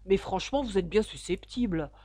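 A woman voicing young Alice, an eager, earnest girl who speaks brightly and emphatically. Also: medium pitch, animated, brisk, breathy edge.

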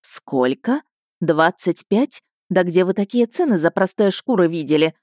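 A woman's voice: mid-range voice, sing-song, normal speed, warm tone, no echo, studio quality, pitched above the performer's own voice, natural voice. A woman narrating an audiobook voices a wealthy woman customer who haggles indignantly. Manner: bargaining, indignant.

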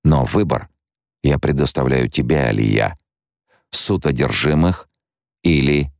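A man reading an audiobook voices a grave young boy who speaks in firm, measured sentences. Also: rumbling low, vocal fry, dry recording, clean studio sound, exaggerated voice. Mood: stern.

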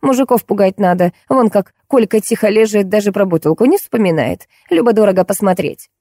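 A woman reading an audiobook, voicing a shrill, scolding middle-aged wife fed up with her drunk husband. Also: expressive, fairly quick, dark tone, no room sound, studio quality. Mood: scheming.

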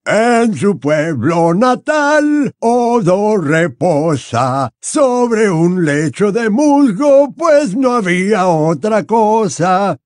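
A tipsy, pompous old wizard professor with a high drawl. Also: male voice, no room sound, studio quality. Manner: slurred, drawling and hiccupy. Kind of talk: audiobook character voice.

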